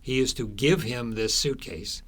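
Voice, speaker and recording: As an author in an interview, a man tells stories conversationally with thoughtful pauses and halting, explanatory phrasing. His medium-pitched voice is a bit bright, with a breathy edge.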